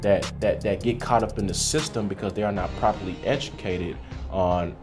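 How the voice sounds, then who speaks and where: Earnest low-voiced man from Haiti. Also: normal speed, over music. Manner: earnest, keeps saying "you know what I'm saying". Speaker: guest, credit repair consultant. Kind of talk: casual interview talk.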